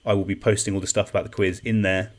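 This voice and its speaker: A man's voice: on the low side, flat delivery, quick pace. A young man hosting an online quiz in a chatty, self-deprecating way, reading out comments and repeating each question. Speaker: quiz host. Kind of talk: casual live-stream quiz hosting.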